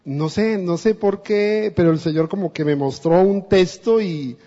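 A Colombian man preaches a sermon in an earnest, conversational way, talking straight to the congregation. His voice sits fairly high and mellow, and he speaks slowly. The dull, lo-fi recording carries a long church echo. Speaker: guest preacher.

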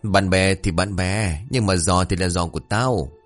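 A man's voice: low voice, moderate pace, faint music behind. A man voicing a cheeky village boy who teases his friend while hogging food. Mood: smug teasing. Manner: teasing, smug.

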